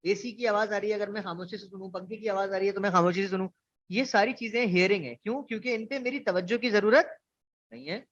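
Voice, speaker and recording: A man's voice: high voice, fairly bright tone. Give me a man teaching an online class, asking his students questions, on muffled audio. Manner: explains with examples, asks students questions. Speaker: instructor. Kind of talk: online orientation lecture.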